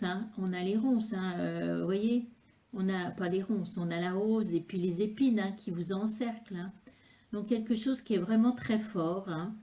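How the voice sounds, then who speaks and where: A woman reading tarot cards to the viewer, talking unhurriedly and filling pauses with hein and euh. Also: mid-range voice, dark tone. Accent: regional accent, unnamed. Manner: unhurried, filler-heavy talk with frequent "hein" and "euh". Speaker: tarot card reader.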